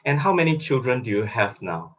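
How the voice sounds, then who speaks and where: Husky, soft-spoken man from Singapore on a muffled call. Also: medium pitch, sing-song, fairly quick. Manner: soft, attentive listener with many murmured affirmations. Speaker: interviewer, poet. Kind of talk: casual conversational interview. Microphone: video call.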